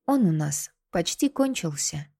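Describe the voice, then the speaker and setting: A woman's voice: lowish voice, very animated, unhurried, vocal fry, darkish tone, dry recording, clean studio sound, full character voice. A woman voicing a weakened but defiant young woman held captive in an audiobook. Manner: strained, defiant.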